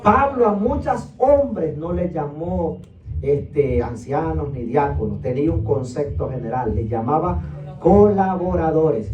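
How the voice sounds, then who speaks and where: In a church meeting room, a pastor teaches a Bible class with call-and-response, repeatedly having listeners echo his words and tagging lines with rhetorical "¿verdad?" and "amén." His voice is a little high, animated, slightly slow and darkish, heard far from the mic in an echoey room on a lo-fi recording with slight background noise.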